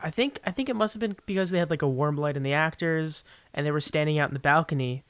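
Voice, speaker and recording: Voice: mid-range voice, fast talker, clear, resonant tone, no echo. Jokey podcast guest, dry sound. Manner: jokey, laughs often. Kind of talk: casual film discussion.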